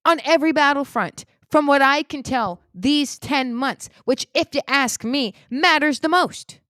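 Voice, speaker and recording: A woman giving a heated political opinion monologue, indignant, swinging between loud outbursts and low muttering. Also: expressive, unhurried, no echo, studio quality. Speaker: political commentator.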